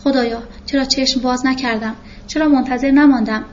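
Lady narrating a novel, measured and reflective, slight hiss under it. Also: high-pitched, fairly even intonation, darkish tone. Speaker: audiobook narrator. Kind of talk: first-person novel reading. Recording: muffled with faint hiss.

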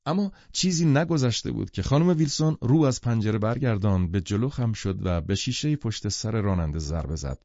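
A man reading a novel aloud in a measured, expressive way, his voice low and dark with lively rises and falls in pitch. The recording is dry and a little dull in tone. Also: no room sound. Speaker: audiobook narrator. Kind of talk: scripted literary narration.

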